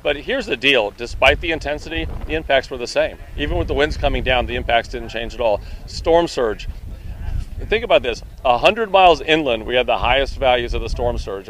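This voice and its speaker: A man's voice: mid-range voice, rough recording. Emphatic man explaining, some background noise. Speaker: hurricane forecasting agency director. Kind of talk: interview explanation.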